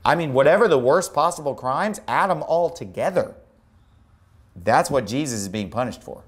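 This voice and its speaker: A man's voice: mid-range voice, lively intonation, normal speed. A man preaching a sermon in a church, emphatic and argumentative, mocking opposing views in a raised voice. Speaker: pastor. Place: church sanctuary.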